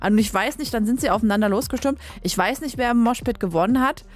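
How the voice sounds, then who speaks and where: Talking fast in a fairly high voice, this Leipzig radio host chats colloquially on her music show, tacking tag questions onto her sentences. She's recorded close on a studio radio mic.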